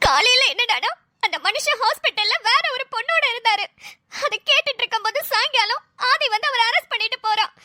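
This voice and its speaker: A woman's voice: extremely high pitch, lively intonation, fairly quick, sharp tone, no room sound, studio quality, heavily acted. A woman voicing a tearful, despairing young wife and mother who wails her pleas in a cartoon. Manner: sobbing, wailing pleas. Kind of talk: dubbed cartoon voice acting.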